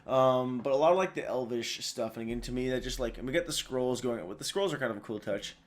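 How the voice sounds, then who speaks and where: A man's voice: mid-range voice, fast. A tired man hosting a video, giving casual, rambling commentary full of fillers and restarts. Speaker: video host.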